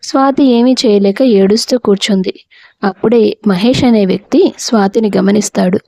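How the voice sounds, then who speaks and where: A woman reading a family drama story aloud as a narrator, steady and scripted. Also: mid-range voice, normal speed, vocal fry, no echo, studio quality.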